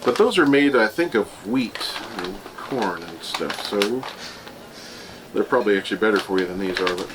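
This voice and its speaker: A man's voice: lowish voice, lively intonation, normal speed. A man giving a casual taste-test review as host, rambling and thinking aloud. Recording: clearly noisy room ambience.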